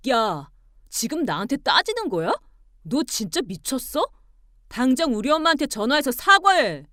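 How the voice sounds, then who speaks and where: A woman voicing an angry young husband who shouts and bullies his wife. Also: a little high, animated, normal speed, dry recording, clean studio sound, close to an everyday voice. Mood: angry shouting. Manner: shouting, indignant, stammering when cornered.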